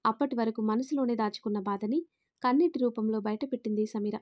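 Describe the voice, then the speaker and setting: A woman narrating a family story, reading every character's lines in her own voice and lifting louder for the quotes. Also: a little high, brisk, no room sound, lo-fi sound. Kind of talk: scripted narration with character dialogue.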